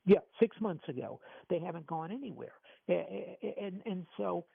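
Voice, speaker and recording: Gravelly man taped off the radio. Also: sits high, animated, normal speed, no echo. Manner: frequent stammered restarts. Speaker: financial radio show host. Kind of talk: call-in radio talk on markets. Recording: tinny lo-fi radio recording, dry.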